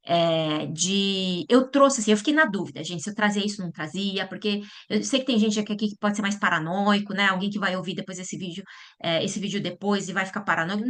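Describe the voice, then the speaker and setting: A woman giving a lecture to parents, animated and often checking in with her listeners. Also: mid-range voice. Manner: acts out quoted voices. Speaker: lecturer at a church parents' talk.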